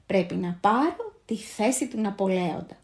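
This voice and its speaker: A woman's voice: mid-range voice, lively intonation, reverberant, natural voice. A woman voicing a small, eager young male moon-coverer in a storybook tale, who talks earnestly and cries out with all his strength. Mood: worried pleading.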